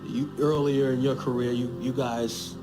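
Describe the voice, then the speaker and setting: A man speaking in an archival TV documentary in a measured, admiring way. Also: mid-range voice, flat delivery, low-quality recording. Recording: archive clip with music.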